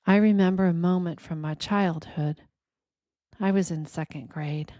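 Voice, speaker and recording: A woman gives a quiet, reflective scripted reading in a gentle, deliberate manner, leaving pauses between short phrases. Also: lowish voice, steady tone, dry recording, clean studio sound. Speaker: narrator of a reflective spiritual reading.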